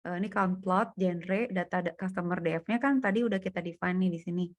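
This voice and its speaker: A woman's voice: lowish voice, fairly quick. Casual woman tutoring data science. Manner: casual, thinking aloud while walking through code. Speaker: coding tutor. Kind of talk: private coding lesson over screen share.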